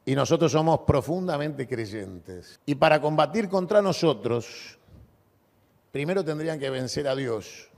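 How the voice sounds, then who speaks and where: An Argentine man giving a booming, balcony-style political rally speech, declaiming with dramatic pauses and repetition. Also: expressive, a little mellow. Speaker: political orator. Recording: long echoing reverb of a large venue.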